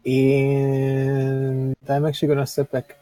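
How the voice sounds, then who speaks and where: A man's voice: medium pitch, completely flat delivery, takes it slowly, mellow, no echo. A man chatting casually as a player in a tabletop role-playing game.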